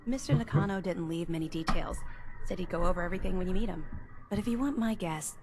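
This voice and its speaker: A woman voicing a brisk young secretary at a detective agency in a video game, teasing and matter-of-fact. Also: lowish voice, noisy background, natural voice.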